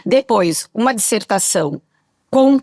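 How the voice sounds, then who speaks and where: A middle-aged woman telling stories as a podcast guest, speaking very loudly and lively into a studio mic. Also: medium pitch, a little slow, dry recording. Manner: talks very loudly. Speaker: guest, public prosecutor. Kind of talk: podcast interview storytelling.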